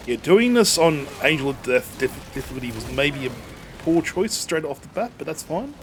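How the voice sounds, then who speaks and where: A man's voice: fairly high pitch, very animated, normal speed, a little hiss or hum. A man chatting casually on a game livestream, rambling in a mildly exasperated way. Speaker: game streamer.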